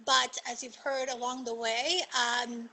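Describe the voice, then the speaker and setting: Woman, native Spanish speaker, magistrate judge on a student panel; slightly high, bright, earnest, faint noise. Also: flat delivery, measured pace, poor audio. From Argentina. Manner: earnest, encouraging, with frequent "um" and "uh".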